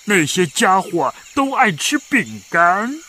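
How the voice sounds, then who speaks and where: An actor playing a big male jungle bird in a children's cartoon, giving drawn-out warnings. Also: high-pitched, big pitch swings, sharp tone, slight background noise, full character voice. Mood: solemn warning.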